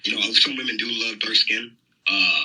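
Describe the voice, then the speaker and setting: On a phone-in show, a young caller from the United States talks at a moderate pace, his fairly low voice carrying a sharp edge. He hesitates often and fills gaps with many fillers. The phone recording is low in quality.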